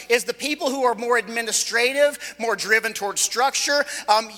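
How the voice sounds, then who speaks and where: A visiting preacher in his forties from Los Angeles, California, gives a sermon in a church hall with a high, bright voice. His manner is loose, joking and conversational, with frequent restarts. The recording is echoey, with long reverb.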